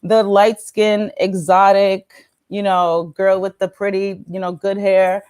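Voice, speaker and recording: A woman's voice: mid-range voice, flat delivery, slow, darkish tone, smooth. A woman from the Dominican Republic, a guest on a talk show, speaking candidly and laughing often, with many fillers. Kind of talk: casual interview talk.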